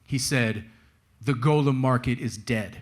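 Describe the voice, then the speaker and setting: A man with a medium-pitched voice speaks unhurriedly as a guest author at a live book talk, telling stories in a wry, casual, slangy way. There's a little hiss or hum in the audio.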